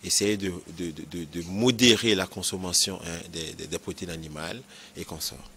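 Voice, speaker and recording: A man speaks as a physician in a broadcast health interview, in a somewhat low voice. He explains patiently and didactically, repeats his key advice and keeps asking whether he is understood. A faint hum of background noise sits under his voice. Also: brisk, fairly bright tone. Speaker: nephrologist.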